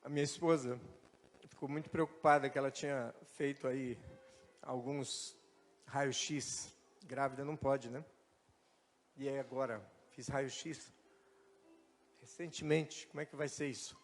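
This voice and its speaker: A man's voice: mid-range voice, unhurried, pauses often. A man with a Brazilian accent preaching a sermon, telling a personal story and acting out the dialogue. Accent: Brazilian Portuguese. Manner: animated storytelling, acts out dialogue. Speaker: pastor. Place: church. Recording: church hall reverb with faint music.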